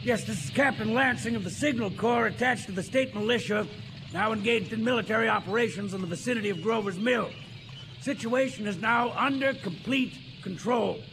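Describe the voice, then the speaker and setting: An actor playing an emphatic army signal captain giving a field report in a 1930s radio drama. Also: male voice, high-pitched, gravelly. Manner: military, emphatic. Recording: noisy old radio field transmission.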